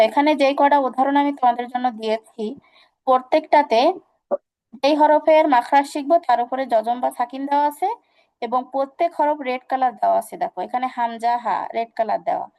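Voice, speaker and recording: Patient female recitation teacher, high voice, online class. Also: dark tone. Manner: patient, repeats examples slowly, asks students questions.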